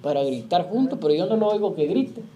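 Male pastor, warm mellow tone, fiery preaching full of rhetorical questions. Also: high-pitched, very animated, highs cut off. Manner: fiery preaching with rhetorical questions, slow drawn-out scripture quotes. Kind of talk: sermon.

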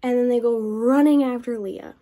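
A woman's voice: fairly high pitch, steady tone, moderate pace, warm tone. A woman book vlogger in a casual review chat, retelling a plot in a rambling way and saying "like" often.

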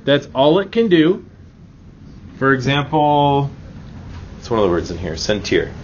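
Very animated and a little slow, this man with a medium-pitched voice teaches Spanish grammar in a relaxed, reassuring way, frequently checking in with brief rhetorical questions. Background noise is clearly audible in the dull, lo-fi recording.

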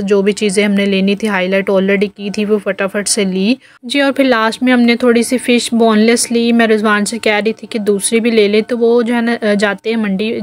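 In a medium-pitched voice, a Pakistani-accented woman in her thirties talks through her home vlog voice-over, chatty and full of fillers as she explains every step.

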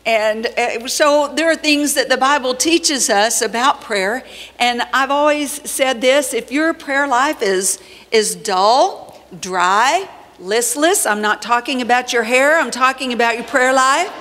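A woman's voice: high voice, a little slow, a bit bright, big-room sound. A woman pastor giving church announcements and teaching on prayer, with playful teasing banter. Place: large church sanctuary.

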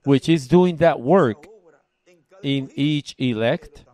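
A man preaches at a church service, reading scripture aloud and unpacking it line by line. His voice sits at a middle pitch, and he speaks in short, emphatic phrases with deliberate pauses. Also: darkish tone. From Puerto Rico. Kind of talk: sermon, reading and explaining scripture.

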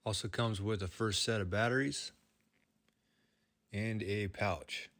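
A man's voice: lowish voice, steady tone, slow, fairly bright tone, no room sound. A man, a plumber, talking through a product review in an easygoing, plain-spoken way.

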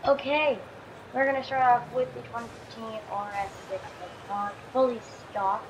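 A woman with a higher voice talks at normal speed, sounding tired and scratchy as though it's early morning. She hosts a gaming channel and keeps up chatty, think-aloud commentary during a racing game, counting down launches over loud engine noise.

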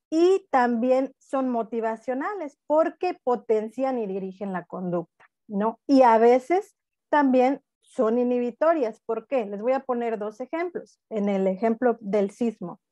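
A woman lectures over a video call. Her voice sits a little high, and the sound is dry and close. She explains patiently and keeps checking in with her listeners. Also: measured pace, warm tone, dry recording. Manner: explanatory, asks frequent tag questions. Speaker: speaker at a university talk. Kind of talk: online lecture.

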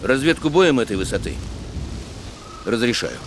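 An actor playing a gruff middle-aged Soviet army colonel in a war film. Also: male voice, mid-range voice, big pitch swings, normal speed, a little hiss or hum. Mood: grudging.

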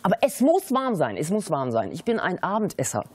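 A woman's voice: lowish voice, huge pitch swings, brisk, darkish tone, slightly rough. A middle-aged woman from Sudan, chatting casually as a guest cook in a TV studio kitchen, breaking off mid-sentence and dropping in foreign words. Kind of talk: casual chat while cooking on TV.

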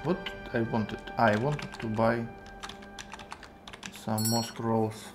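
A man in his twenties with a Russian accent, thinking aloud in halting fragments as he gives casual live game commentary. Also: fairly low pitch, fairly even intonation. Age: 20s. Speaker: game streamer. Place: indoor room at a computer. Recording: music behind the voice. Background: music, keyboard typing.

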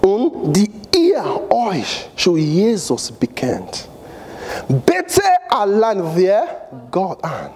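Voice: mid-range voice, huge pitch swings, extremely slow, mellow, a little hiss or hum. A preacher giving a sermon in a church, repeating phrases for emphasis and asking the congregation to fill in missing words. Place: church hall.

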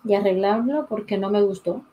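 A fairly quick talker with a mid-range voice, the drawing teacher chats casually through her live tutorial, thinking aloud and greeting viewers by name. The sound is lo-fi, from a desk mic beside the pencil sharpener.

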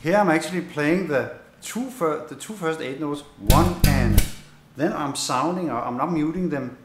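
A man giving a bass lesson, explaining in a halting way with many fillers and restarts and counting beats aloud. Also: animated, over loud music. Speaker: bass teacher. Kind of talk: instrument lesson demonstration. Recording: roomy echo with loud bass playing.

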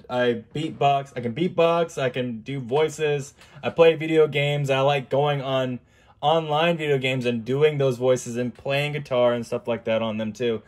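A man hosting a casual live stream, chatting in a rambling, halting way full of fillers over a video chat mic. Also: medium pitch, darkish tone. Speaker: streamer host. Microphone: video chat computer mic.

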